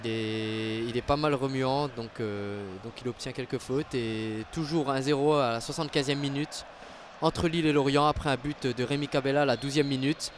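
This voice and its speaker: A man giving live football commentary as a match commentator, getting excited at big moments. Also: mid-range voice, moderate pace, noisy background.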